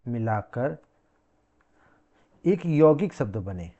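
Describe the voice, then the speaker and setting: Male teacher, lecture style, repeats and quizzes the class; warm dark tone. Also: medium pitch, very animated, very slow, muffled recording. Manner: repeats key words, quizzing the class with questions.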